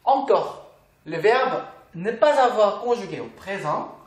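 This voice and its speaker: A language teacher talks through a lesson at an unhurried pace. The voice rises and falls a lot, with a patient habit of quizzing the listener. A roomy echo hangs on the recording. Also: mid-range voice, lively intonation. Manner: patient, asks the viewer questions. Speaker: Korean teacher.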